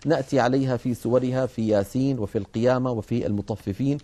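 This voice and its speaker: A man with a mellow, warm voice teaches the rules of Quranic recitation in a measured, explanatory way. He speaks at a mid pitch and stretches out words slowly whenever he demonstrates a passage. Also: fairly even intonation.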